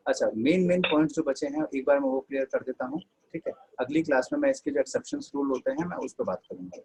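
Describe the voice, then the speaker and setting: A man teaching English grammar in a lively, chatty lecture style, telling stories to his students. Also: mid-range voice, fast talker, rough recording. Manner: animated, chatty, addresses students as "beta". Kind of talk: classroom lecture with storytelling.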